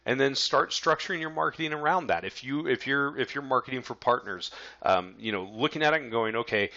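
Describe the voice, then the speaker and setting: A man's voice: mid-range voice, lively intonation, a little fast, bright, forceful tone, lo-fi sound. A man teaching a casual marketing lesson, talking to his viewers in a loose, conversational way with many fillers and restarts. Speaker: business coach.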